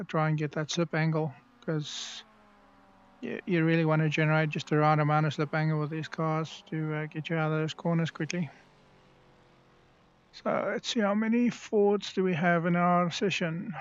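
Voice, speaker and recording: A South African man streams a sim race, casually chatting with viewers and explaining how the car handles between pauses. His easygoing voice is on the high side and smooth, and the sound is lo-fi.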